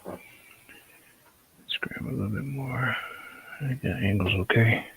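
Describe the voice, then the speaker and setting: A man's voice: mid-range voice, takes it slowly, gravelly, fairly bright tone, slightly rough, poor audio. A man talking casually while he paints on a live stream, thinking aloud and sometimes muttering under his breath.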